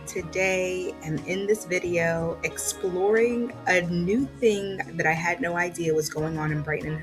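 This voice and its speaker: A woman hosting a casual travel vlog, talking bubbly and excited while she walks around an artist's home with a handheld camera. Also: lowish voice. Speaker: vlogger host. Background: music.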